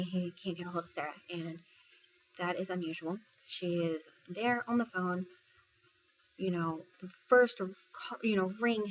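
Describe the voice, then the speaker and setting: A woman's voice: lowish voice, highs cut off, slight background noise. A woman from Texas, a military service member retelling a personal story in a casual vlog, full of fillers and quoting what others said. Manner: conversational retelling, filler-heavy, quotes others' words.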